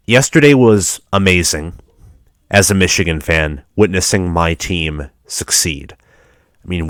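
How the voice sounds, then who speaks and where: Deep-voiced and congested from a cold, this young sports vlogger chats casually as a fan about college football recruiting, restarting as he goes. The recording is dry and studio-clean.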